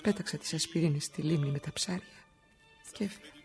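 A woman's voice: low-pitched, music in the background. An actress playing a frightened, exhausted immigrant wife of an injured worker, pouring out her fears in a radio drama. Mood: weary, fearful. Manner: emotional, confessional monologue.

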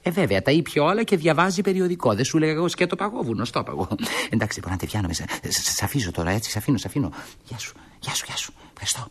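Flustered young daydreamer. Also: male voice, a little high, very animated, a bit bright, breathy edge, heavily acted. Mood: frantic. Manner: dreamy and grand, then frantic and pleading on the phone. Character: dreamy young man, flustered fibber.

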